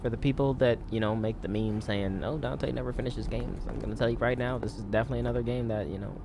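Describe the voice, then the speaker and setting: A man's voice: medium pitch, steady tone, fast, creaky, noisy background. A young man giving casual live game commentary, slangy and sweary, often repeating himself. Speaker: game streamer. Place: indoors at a streaming setup. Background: game music.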